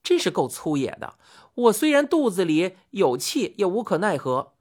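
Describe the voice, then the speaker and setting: A woman with a voice on the low side tells a first-person story at a moderate pace. She reads expressively and acts out the quoted dialogue in a lively way, over faint background music.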